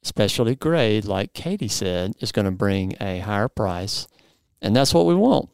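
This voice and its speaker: A man's voice: on the low side, very animated, measured pace, vocal fry, smooth, no room sound, studio quality. A man in his forties hosting a podcast, explaining in an upbeat, playful way and interviewing a guest. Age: 40s. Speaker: podcast host.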